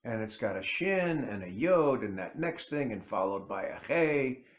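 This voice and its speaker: A man with a mid-range voice speaks at a measured pace with lively intonation, his words echoing in a reverberant space. A native English speaker and independent Bible teacher, he gives a conversational, meandering commentary to camera, frequently interrupting and restarting himself.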